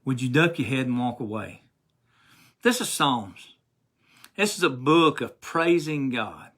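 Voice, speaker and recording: A man's voice: mid-range voice, animated, measured pace, fairly bright tone. A man who has preached for many years, giving a rambling, earnest devotional talk with lots of restarts and reading scripture aloud. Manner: earnest and emotional. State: recovering after hospital stay.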